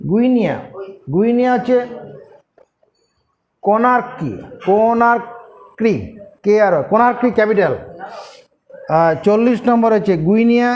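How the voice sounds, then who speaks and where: High-voiced man teaching slowly. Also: a little mellow, dull audio. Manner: slow, repetitive, spelling letter by letter. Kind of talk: informal geography lesson, spelling out names.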